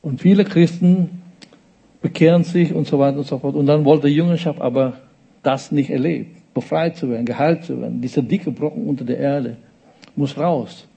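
A man's voice: on the high side, normal speed, vocal fry, dark tone, husky, muffled recording. A man preaching a sermon in a conversational way, often checking in with his listeners.

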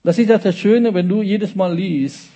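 A man's voice: high-pitched, normal speed, warm tone, dull audio. A man preaching a sermon in a conversational way, often checking in with his listeners.

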